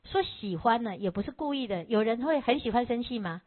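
A woman preaches a Buddhist sermon in a chatty, storytelling way. Her voice sits fairly high and moves up and down a lot. The sound is thin and tinny, like a phone call. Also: a little fast. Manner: animated, conversational, frequent "ha" tags. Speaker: Buddhist dharma teacher.

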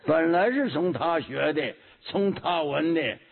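A man giving a Buddhist sermon, teaching slowly and deliberately, often pausing with a hum and repeating key words. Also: a little high, slightly rough. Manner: slow, measured teaching with frequent hums and repetitions. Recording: tinny phone-like lo-fi recording.

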